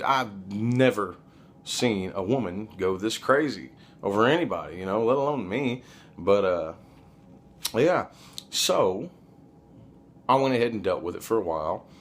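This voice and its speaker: A man's voice: on the low side, a little hiss or hum. A man telling personal stories in a casual, rambling, blunt and profane conversational way, like a vlogger. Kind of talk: casual, rambling confessional storytelling.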